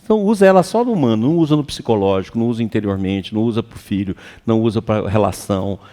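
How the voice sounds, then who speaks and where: A man with a Brazilian Portuguese accent giving a lively, colloquial seminar lecture to an audience. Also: lowish voice, rapid-fire. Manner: animated and colloquial, acts out quoted voices. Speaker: seminar speaker. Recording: reverberant hall.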